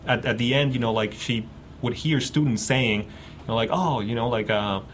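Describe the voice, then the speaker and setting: A man from Mexico, a guest researcher in a radio interview, talking haltingly with many fillers and restarts. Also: mid-range voice, a little hiss or hum.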